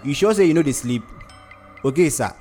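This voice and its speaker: A man doing a loud Nigerian Pidgin night watchman. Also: a little high, expressive, brisk, soft background music, close to an everyday voice. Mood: anxious. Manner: loud, deferential.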